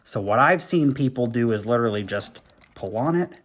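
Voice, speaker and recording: A man's voice: mid-range voice, animated, brisk. A man giving a casual hands-on toy review indoors at home. He talks in a chatty, rambling way and thinks aloud while he works with his hands.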